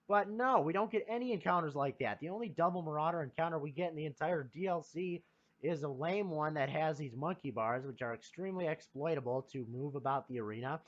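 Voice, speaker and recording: A man's voice: on the high side, highs cut off. A young man giving an opinionated game review as a video creator, with emphatic, dramatic delivery.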